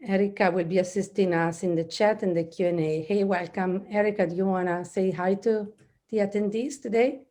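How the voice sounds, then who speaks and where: A woman's voice: mid-range voice, steady tone, fairly quick, mellow. A middle-aged woman hosting a webinar on a webcam video call. She speaks in a friendly way, with hesitant fillers and small restarts. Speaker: webinar host.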